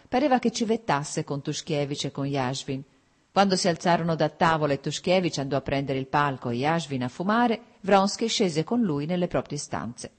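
A woman reads a literary audiobook in a measured, expressive way. Her voice is low for a woman and softly husky. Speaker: audiobook narrator.

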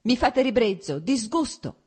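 A betrayed wife, proud and furious, her voice climbing high and loud in bitter reproach, as a woman reads her part. Her tone stays dark and husky. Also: lively intonation, moderate pace. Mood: scornful. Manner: shrill, bitter, pleading outbursts.

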